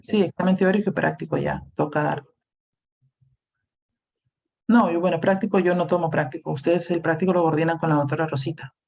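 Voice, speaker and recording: A woman with a fairly low, steady, somewhat mellow voice lectures briskly but creakily, leaving long pauses, on a lo-fi recording. As a university clinical lab lecturer on a video call, she explains plainly and checks in using "¿no?", "¿sí?" and "este".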